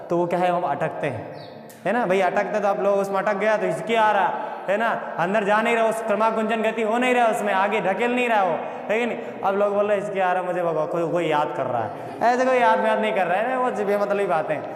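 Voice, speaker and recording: High-pitched male teacher in an echoey room. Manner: repeats questions and answers them himself. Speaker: biology teacher. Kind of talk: classroom lecture with call-and-response questions.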